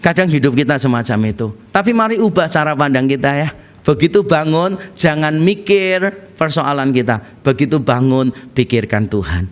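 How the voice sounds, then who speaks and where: A man's voice: on the high side, animated, normal speed. A man in his thirties preaching a sermon as pastor, humorous and fond of acting out little quoted scenes.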